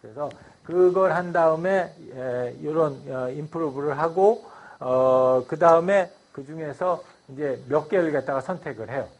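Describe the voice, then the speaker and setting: A man's voice: a little high, unhurried, hardly any pauses. A man giving a university lecture, explaining a design process step by step, with frequent fillers and English loanwords.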